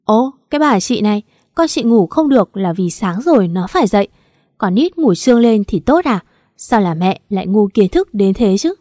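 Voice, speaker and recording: A woman's voice: mid-range voice, expressive, moderate pace, mellow, no room sound, studio quality, natural voice. A woman voicing an insolent, vulgar young woman in a storybook reading. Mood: taunting. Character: rude brash young woman, mistress type.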